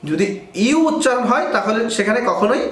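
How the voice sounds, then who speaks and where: A man's voice: sits high, lively intonation, brisk, echoey room, a crowd in the background. A man explains a grammar lesson step by step, asking questions and answering them himself. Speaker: English grammar teacher.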